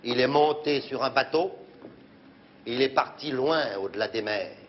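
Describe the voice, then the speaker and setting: Slow-telling man on an old dull recording. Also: mid-range voice, a little hiss or hum. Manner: slow, deliberate storyteller. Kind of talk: comic storytelling.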